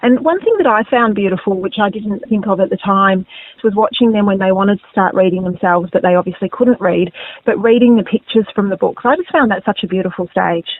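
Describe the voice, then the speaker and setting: A woman's voice: mid-range voice, brisk. Australian woman radio host, phone-like sound. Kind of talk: conversational radio interview. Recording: narrow phone-like radio audio.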